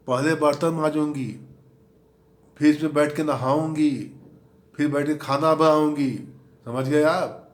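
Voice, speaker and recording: A man voicing his sharp-tongued, quick-to-anger wife in a comedy sketch. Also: roomy sound, lightly acted. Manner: sarcastic, shrill nagging.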